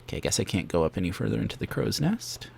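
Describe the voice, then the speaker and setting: A man's voice: fairly low pitch, big pitch swings, racing, gravelly, a little mellow, slight background noise. A man giving casual gameplay commentary as the host of a let's play. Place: indoors, game music behind the voice.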